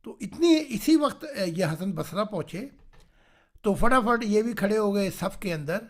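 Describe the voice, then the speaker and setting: A male preacher telling a religious story on a video call, animated, who keeps asking his listeners whether they understand. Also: high voice. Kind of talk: storytelling sermon. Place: online meeting.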